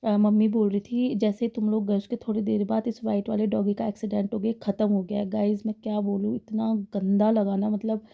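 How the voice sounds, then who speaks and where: A woman's voice: medium pitch, flat delivery, brisk, vocal fry, few pauses, narrow, tinny audio. A woman in her thirties narrating a casual family vlog voice-over, chatty and often laughing as she talks to her viewers. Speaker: vlogger.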